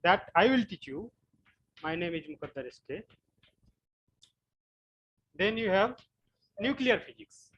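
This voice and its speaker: Halting Indian-accented male physics lecturer. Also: high voice, sing-song, husky, highs cut off. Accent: Indian English. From West Bengal, India. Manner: slow, halting explanation with frequent repetitions. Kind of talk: online class lecture.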